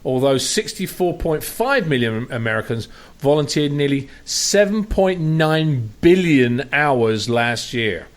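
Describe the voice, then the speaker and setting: A man hosting a talk radio show, talking in a rambling, emphatic way with many restarts. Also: a little high. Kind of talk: casual talk radio chat.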